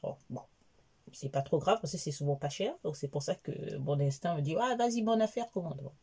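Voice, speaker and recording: A woman's voice: low-pitched, fairly quick, mellow, slightly rough. A woman in her forties telling a casual diary vlog, chatty and rambling with many fillers. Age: 40s. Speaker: vlogger.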